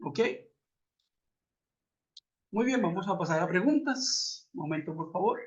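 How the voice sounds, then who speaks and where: A man's voice: high-pitched, expressive, measured pace. A man teaching an English lesson in an online class, explaining patiently and asking rhetorical questions over a web conference. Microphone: computer mic on a video call. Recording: muffled web conference audio.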